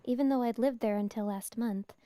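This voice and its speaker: A woman from New York giving soft, hushed voice to the narrator of a horror visual novel, as a whispered role-play. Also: on the high side, a little fast, close to an everyday voice.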